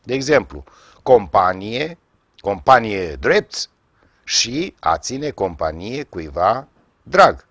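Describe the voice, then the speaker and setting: Didactic lively-pitched man with dry sound. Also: no echo. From Romania. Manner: measured, didactic, pauses with fillers; dry wry asides. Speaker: language teacher hosting a TV segment. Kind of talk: televised language lesson, reading word lists.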